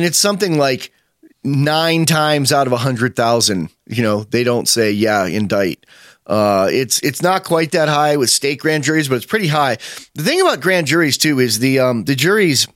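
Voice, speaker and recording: A man in his 50s who sounds like a podcast host rambles through a casual chat, opinionated and full of fillers and restarts. His mid-range voice is fairly bright, recorded close and dry with no room sound.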